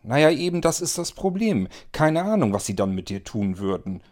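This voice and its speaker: A man's voice: mid-range voice, big pitch swings, a little slow, pitched above the performer's own voice. A man reading an audiobook, voicing a blunt, skeptical young woman who argues insistently. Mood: sharp. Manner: arguing, insistent.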